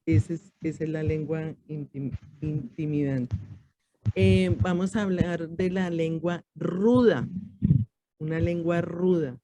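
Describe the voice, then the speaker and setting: A woman teaching a church discipleship class, calm and measured, often dropping to a soft voice and acting out short everyday exchanges. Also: low-pitched, low-quality recording.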